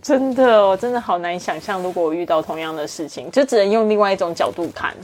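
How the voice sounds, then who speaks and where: A woman's voice: mid-range voice, quick pace, darkish tone. Woman host, chatty, mid voice, keeps nudging the guest. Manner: chatty, responsive, prompting. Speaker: podcast host. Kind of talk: casual chat.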